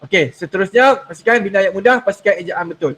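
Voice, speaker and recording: A man's voice: sits high, quick pace, a bit bright. A young man with a Malaysian Malay accent, a religious teacher giving a playful exam revision class to students. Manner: playful, storytelling, coaxing students.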